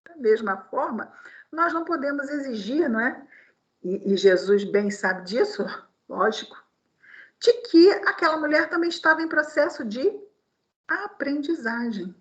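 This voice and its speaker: A woman's voice: high voice, expressive, a little slow, dull audio. A Brazilian woman giving a spiritist public talk, acting out quoted voices and asking rhetorical questions. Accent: Brazilian Portuguese. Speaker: spiritist lecturer.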